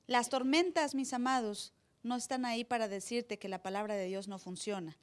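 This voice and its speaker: A woman pastor preaching a sermon live in church, acting out voices with sudden loud cries. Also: on the high side, steady tone, moderate pace.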